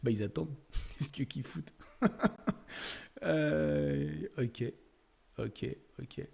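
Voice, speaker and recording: A man's voice: mid-range voice, very slow, vocal fry, warm tone, husky. A young man giving chatty, laughing commentary while browsing a website, thinking aloud with lots of fillers. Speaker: YouTuber exploring a website. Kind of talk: casual screen-share commentary.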